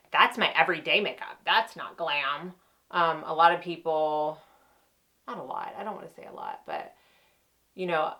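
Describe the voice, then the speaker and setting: A woman's voice: on the low side, pushed and bright. A chatty woman, a makeup artist answering viewer questions in casual chat while doing her makeup. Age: 30s. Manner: chatty, conversational, with frequent fillers.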